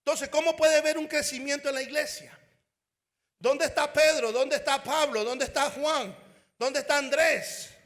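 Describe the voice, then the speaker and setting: A man preaching a fervent sermon as an evangelist at a conference, often shouting and calling out to the crowd. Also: very high voice, fairly even intonation, moderate pace, in a large hall. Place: conference hall.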